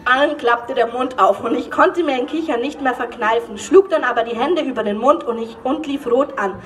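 A woman's voice: high-pitched, normal speed, recorded from a distance. A woman author giving a live reading from her romance novel, reading with energy and breaking into laughter. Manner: lively reading with bursts of laughter. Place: event hall.

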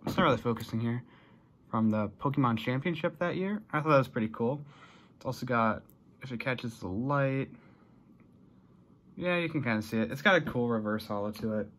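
A young American vlogger presenting a haul speaks in a mid-range, slightly bright voice over slight background noise. He rambles casually and unscripted to camera from a small indoor bedroom.

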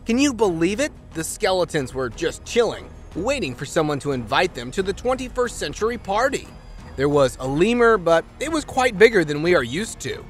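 A man delivers scripted countdown narration with a playful, slangy manner. His pitch sits a little high and swings widely from line to line. A music bed runs quietly underneath. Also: very animated, normal speed.

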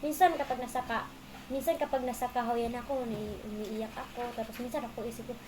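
Casting: woman, slightly high voice, casual rambling storyteller who restarts mid-thought, faint ambience behind. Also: steady tone, background noise. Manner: rambling, halting, restarts often.

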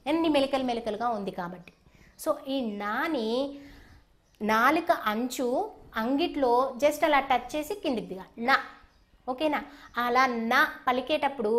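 A woman gives a recorded lesson to young children. Her voice sits a little high, and she explains each sound patiently. She draws out the sounds so the class can repeat them. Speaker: teacher.

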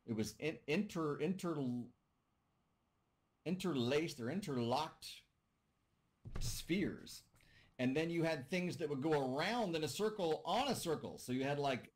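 A man's voice: mid-range voice, darkish tone. A man teaching a class over a video call, talking casually and joking with students as he thinks aloud. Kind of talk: online class discussion. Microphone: computer mic on a video call.

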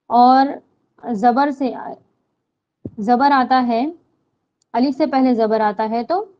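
A woman teaches Quran recitation rules, explaining each one slowly and patiently. Her voice sits a little high, and she asks questions and then answers them herself. The recording sounds dull and lo-fi. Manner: drawn-out chanted recitation of verses. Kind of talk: slow step-by-step tajweed lesson.

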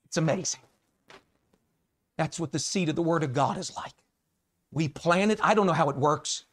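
A middle-aged American man preaching a sermon, moving from quiet folksy stories to shouted emphasis on scripture. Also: on the high side, normal speed. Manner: folksy, conversational storytelling between scripture readings. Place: church sanctuary.

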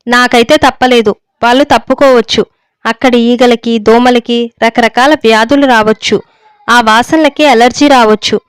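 A woman voicing a grown son living abroad who brushes off his father impatiently. She reads him in a high, clear voice in a dry close recording. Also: steady tone, normal speed, no room sound, lightly acted. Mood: dismissive.

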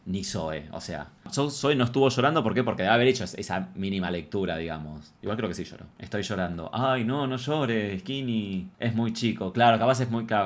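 A man with an Argentine accent giving casual, gossipy reaction commentary on a reality show, sassy and often trailing off into mutters. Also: lowish voice. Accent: Argentine Spanish.

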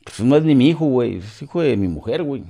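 A man's voice: mid-range voice, lively intonation, fast talker, creaky, dark tone. A middle-aged man from Mexico with a Mexican accent, a podcast guest telling a story in casual, profane slang and acting out the other voices.

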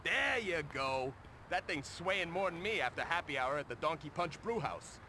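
An actor playing a greedy, pushy worker in a video game, brash and wisecracking. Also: male voice, fairly high pitch, expressive, moderate pace, pushed and bright, a little hiss or hum. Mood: brash scheming. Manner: brash wisecracking streetwise talk. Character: greedy blue-collar male worker, pushy schemer.

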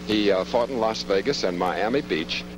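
Man calling boxing over loud noise. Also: fairly low pitch, moderate pace. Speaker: boxing commentator. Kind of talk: live sports commentary. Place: ringside at a boxing event. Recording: noisy live arena broadcast audio. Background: loud background noise.

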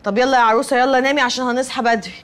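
A woman's voice: a little high, fairly even intonation, racing, slight background noise, close to an everyday voice. A woman playing brash mocking Sherihan. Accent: Egyptian Arabic. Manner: mocking and loud-mouthed. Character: brash, sharp-tongued poor young woman. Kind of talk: TV comedy series acting.

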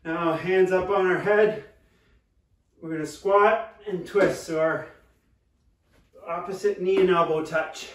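A man coaches a home workout in a high voice, giving short, practical instructions while moving. He is recorded from across a room, with plenty of echo around his words. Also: steady tone, takes it slowly, long pauses. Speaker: fitness coach and workout host. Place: living room at home, indoors. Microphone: far camera. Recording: roomy, distant camera mic with clear noise.

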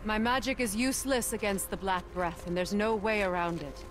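A woman's voice: medium pitch, normal speed, noisy background, close to an everyday voice. A woman voicing a solemn, weary game sorceress. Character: guarded, weary woman sorceress guiding travelers. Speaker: game character. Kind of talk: video game cutscene acting. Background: game music.

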